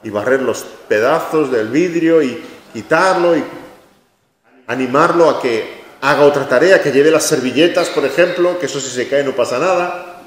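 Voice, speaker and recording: A man's voice: medium pitch, moderate pace. A man preaching a sermon in a church hall, emphatic, repeating his key phrases and acting out short quotes. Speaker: pastor. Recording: echoey hall with long reverb.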